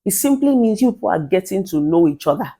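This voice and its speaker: With a husky, medium-pitched voice, a middle-aged Nigerian therapist who specializes in relationships speaks quickly and with great animation. Her motivational monologue is forceful and authoritative, emphatic throughout, and laced with Pidgin expressions.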